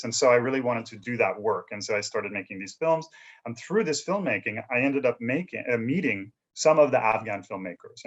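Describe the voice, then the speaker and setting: A man being interviewed as a filmmaker, talking in a relaxed, conversational way and often checking in with "you know" and "right?". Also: medium pitch, highs cut off. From Canada. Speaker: filmmaker guest.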